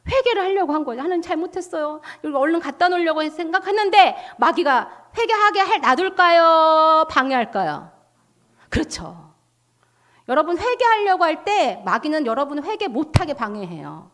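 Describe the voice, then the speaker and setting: A woman missionary preaching a testimony sermon, telling a story with lively asides and questions to the audience. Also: high-pitched, brisk.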